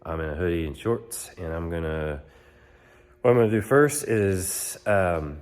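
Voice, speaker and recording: A young channel host with a stuffed-up head cold rambles casually through a how-to vlog filmed on his phone, using plenty of fillers in a relaxed way. His voice is low-pitched and a little slow. He starts in a pole barn with the phone held at arm's length, then moves outdoors onto a lawn with the phone camera behind him.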